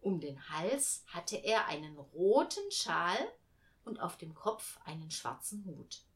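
A woman reading a children's story aloud in an expressive, storytelling manner. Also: lowish voice, slow.

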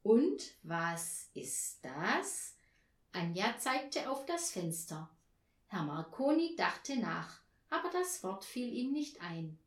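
A woman reading a children's story aloud as narrator, with slow, lively storytelling intonation. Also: medium pitch. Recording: roomy echo.

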